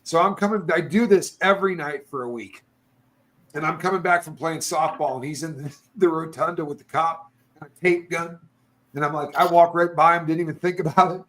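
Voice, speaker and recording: A man's voice: a little high, brisk. A man hosting a casual chat, telling stories animatedly and acting out what others said. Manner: animated storyteller, acts out other people's lines. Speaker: podcast host.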